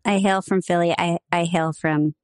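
A woman's voice: fairly low pitch, steady tone, normal speed, darkish tone, clear, resonant tone, dry recording, clean studio sound. A woman from Nebraska co-hosting a podcast, telling rambling stories in casual chat and laughing often. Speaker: podcast co-host.

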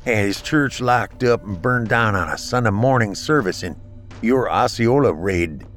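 Man voicing a wounded Confederate raider; slurred, breathy, a notch higher than the narrator, soft music under. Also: measured pace. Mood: pleading. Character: male Confederate bushwhacker soldier, bitter.

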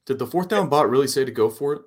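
A man's voice: mid-range voice, lively intonation, fast talker. A man co-hosting a casual football show, giving blunt, opinionated analysis. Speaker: sports show co-host.

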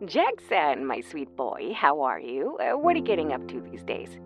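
A man voicing a gentle, doting elderly grandmother who fusses affectionately over her grandson, over music. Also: a little high, wildly swooping pitch, moderate pace, gravelly, muffled recording, pitched above the performer's own voice, heavily acted. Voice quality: soft, gentle. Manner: affectionate, fussing. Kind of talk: storytelling voice acting.

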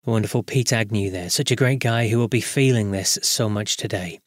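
A man's voice: lowish voice, moderate pace, no room sound. Male podcast host, dry close sound. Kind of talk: solo podcast commentary and interview.

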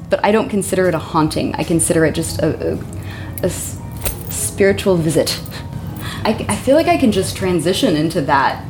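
A woman with a lowish voice tells her story in a rambling, earnest way and circles back with restarts. Faint music sits behind her. It sounds like a relaxed interview chat. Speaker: current tenant of the house.

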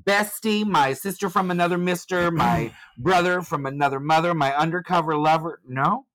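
A man's voice: moderate pace, a bit bright, no room sound, rough recording. A man hosting a comedy podcast, a drag performer who is theatrical and bawdy, full of jokes. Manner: theatrical, bawdy jokes, big swoops in pitch. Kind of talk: campy comedic chat.

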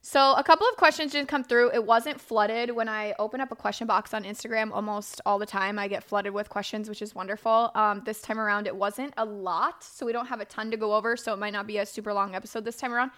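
A woman's voice: mid-range voice, steady tone, fast, few pauses, a bit bright. A woman hosting a podcast in a casual, confessional way, candid and conversational, often checking in with a "right?". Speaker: podcast host.

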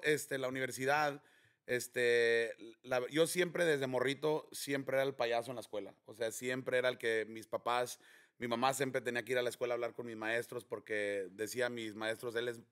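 Joking bright-voiced radio man. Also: mid-range voice, steady tone, normal speed. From Chicago. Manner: joking storyteller, mixes English into Spanish. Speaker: radio announcer guest. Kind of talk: casual podcast chat.

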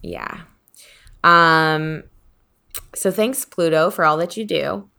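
A woman's voice: sits low, slow, creaky, pushed and bright. A woman co-hosting a podcast in casual chat, laid-back and giggly, with many fillers. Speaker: podcast co-host.

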